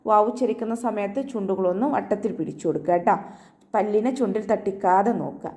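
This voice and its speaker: Woman teaching quran recitation online, calm and patient, step by step. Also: mid-range voice, fast. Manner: patient step-by-step instruction with gentle reminders. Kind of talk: online tajweed lesson.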